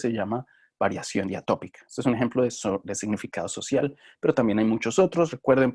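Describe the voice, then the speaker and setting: Male teacher, low voice, casual lecturing, hesitant with fillers, turns to the students with questions. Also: vocal fry, a little mellow. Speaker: phonetics teacher. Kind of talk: recorded lecture.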